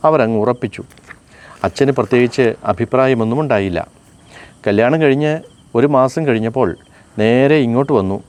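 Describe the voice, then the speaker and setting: A man reading aloud and voicing a weary, sorrowful middle-aged wife who speaks in a flat, resigned way. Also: medium pitch, normal speed, pauses often, smooth, lightly acted.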